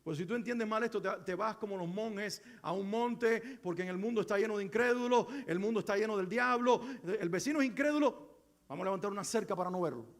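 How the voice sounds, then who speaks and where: A man's voice: high-pitched, quick pace. A middle-aged male pastor preaching a sermon, earnest and exhorting, with many rhetorical questions. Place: church sanctuary. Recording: echoey church hall.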